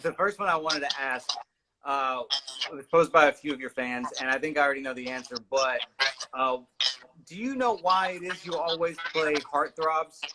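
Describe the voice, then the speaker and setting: Upbeat male streamer-host, a touch high-pitched, loose and jokey; faint hiss behind. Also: moderate pace. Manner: energetic, loose, jokey, lots of fillers. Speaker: livestream interviewer host. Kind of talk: casual upbeat livestream chat.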